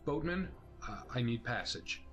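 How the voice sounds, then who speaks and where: A man plays a courteous young-hearted adventurer in a fantasy game. His medium-pitched voice is earnest and polite, with quiet music underneath. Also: expressive, a little slow, lightly acted. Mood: polite, cautious. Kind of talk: game voice acting.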